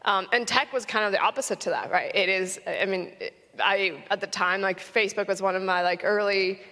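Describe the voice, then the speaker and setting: A young woman from Florida speaking on a conference stage at a medium pitch. She talks earnestly, pausing on "um" and restarting her sentences. Her voice carries a long reverb from a large hall. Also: pushed and bright. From United States (Orlando, Florida). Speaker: panelist, venture investor. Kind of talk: conversational panel talk.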